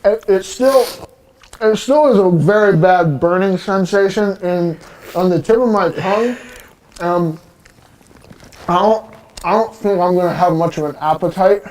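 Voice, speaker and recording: A man's voice: sits high, measured pace, pauses often, a little mellow. A young man hosting a casual hot sauce challenge interview, coughing and gasping as he eats spicy food. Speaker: host.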